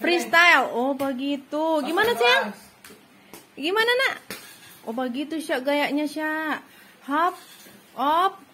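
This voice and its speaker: A woman's voice: sits high, animated, slow, pauses often, heavy background noise. A woman filming children for a family vlog, cooing, cheering and laughing often as she talks to them. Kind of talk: casual family vlog chatter.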